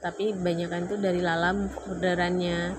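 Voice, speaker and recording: A woman casually telling a personal story in a lively way, getting louder when she recalls arguments. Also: fairly low pitch, brisk. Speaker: vlogger telling her marriage story. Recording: clearly noisy background.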